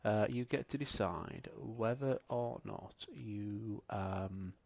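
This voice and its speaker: A man running an online tabletop game as game master, talking in halting bursts with many fillers. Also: fairly low pitch, creaky, darkish tone. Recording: dull lo-fi mic.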